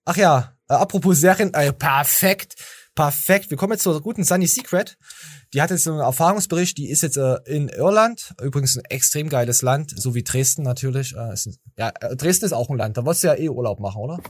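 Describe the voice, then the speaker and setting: A man's voice: a little high, lively intonation, quick pace, husky, no room sound. Rambling joking man, dry close mic. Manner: rambling, joking, stammering restarts. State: tired from little sleep. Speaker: podcast host. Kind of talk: casual chat.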